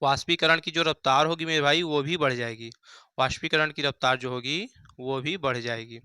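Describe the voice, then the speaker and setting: A man's voice: on the high side, normal speed, bright, forceful tone, clear, resonant tone, no room sound. A young man teaching a Hindi science lesson at a board, who asks the class questions and answers them himself, repeating key phrases. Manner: repeats key phrases, calls students "bhaiya" and "mere bhai".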